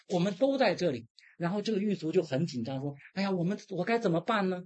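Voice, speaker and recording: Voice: medium pitch, a little mellow, slightly rough. A preacher delivering an emphatic sermon, asking the congregation rhetorical questions and acting out scripture dialogue.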